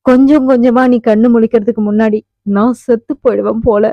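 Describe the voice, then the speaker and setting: A woman voices an anguished young husband pleading at a hospital bedside, lightly acted, who turns fierce and commanding when angered. Her voice is on the high side, steady and fairly quick, on a dull, muffled, dry audiobook recording with no room sound.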